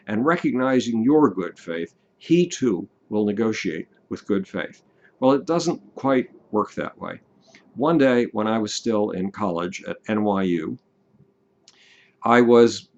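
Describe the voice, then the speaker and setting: An older man speaks in a fairly low voice, leaning hard on key words and drawing them out. He delivers a casual but deliberate monologue straight to the listener. The sound is dull and lo-fi. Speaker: commentator.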